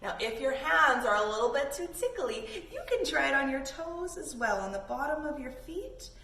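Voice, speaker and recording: A Canadian woman with a high voice leads a kids' yoga lesson at normal speed, animated and encouraging, keeping her instructions casual and treating her young listeners as friends. A distant mic picks her up with roomy echo and a little faint noise.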